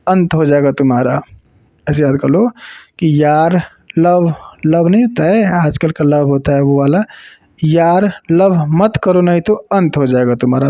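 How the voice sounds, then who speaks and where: A man's voice: on the high side, no echo. Man teaching from Uttar Pradesh, dull audio. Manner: explains slowly, repeats sounds, adds jokes. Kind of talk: exam-prep grammar lesson. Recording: dull lo-fi dry sound.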